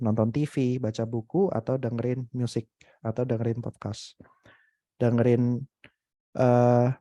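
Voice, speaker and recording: A young adult man giving a casual, motivational webinar talk, animated and full of hesitant fillers. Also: mid-range voice, dry recording. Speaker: webinar speaker.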